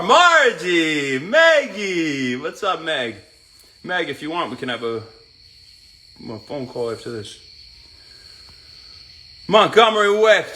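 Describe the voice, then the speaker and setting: Guy on a live stream reading off viewer names, kinda high voice, slow and easy. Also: pushed and bright. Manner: reads out viewers' names and greets each one; chats while working out. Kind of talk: casual live-stream chat.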